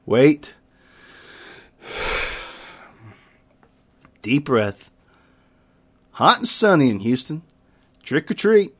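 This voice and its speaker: Man in his 30s, poet reading his own work; slightly high voice, very lively delivery, swings from shouts to murmurs. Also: slow pace, pauses often, slightly rough. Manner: dramatic swings between loud outbursts and quiet asides.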